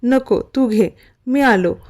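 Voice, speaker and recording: A woman reading a story and voicing a caring young man who asks gentle, coaxing questions. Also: on the high side, slow pace. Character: caring older brother figure, gentle and teasing.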